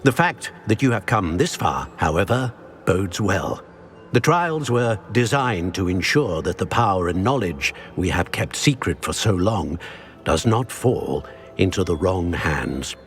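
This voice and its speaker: An actor playing an ancient, solemn wizard in a video game, a wise mentor speaking in a measured, formal and grave manner. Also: male voice, low-pitched, lively intonation, soft background music. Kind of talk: scripted game dialogue.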